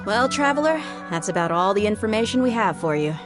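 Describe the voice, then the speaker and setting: A woman's voice: mid-range voice, animated, fairly quick, music in the background, close to an everyday voice. An actress playing a frank, savvy young woman who works as a mercenary guard in a video game, speaking candidly and conversationally. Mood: earnest, friendly.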